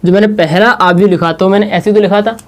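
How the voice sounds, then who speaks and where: A man teaching a maths lesson at a board, slowly explaining and repeating, asking questions and answering them himself. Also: high-pitched, steady tone. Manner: slow, repetitive explaining.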